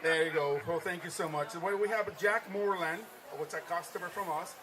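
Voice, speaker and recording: A high-voiced man hosts a live stream at a trade show, upbeat and quick to repeat what his guests say. The noise of a busy expo floor stays loud behind him. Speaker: livestream host.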